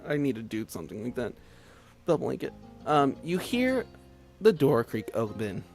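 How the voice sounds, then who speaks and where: Giggly streamer with a lively voice. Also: male voice, medium pitch, normal speed, creaky, soft background music. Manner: giggly, chatty asides. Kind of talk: reading a story game aloud.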